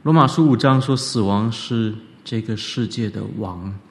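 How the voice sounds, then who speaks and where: A man giving an animated church lecture on scripture, often leaping up in pitch for emphasis. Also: a little slow. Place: church hall. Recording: reverberant church hall.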